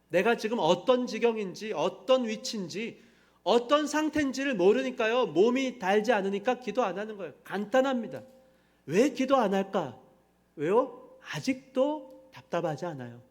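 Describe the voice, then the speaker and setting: A middle-aged male pastor delivers a sermon in a church sanctuary, his voice pitched high. He presses the congregation with emphatic rhetorical questions, then drives home each point. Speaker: senior pastor.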